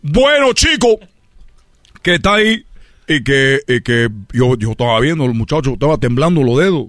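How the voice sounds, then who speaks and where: A man telling a comic story and acting out characters with sudden high shouts. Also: animated, brisk, no room sound, studio quality, soft background music.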